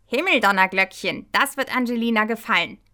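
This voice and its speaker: A woman voicing a brisk, bossy little male Christmas elf in a children's story. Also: fairly high pitch, bright, forceful tone.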